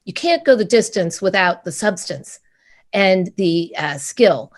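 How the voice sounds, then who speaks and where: A woman's voice: lowish voice, lively intonation, a little slow. A woman co-hosting a panel on a video call, giving enthusiastic, effusive closing remarks. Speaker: co-host of a panel.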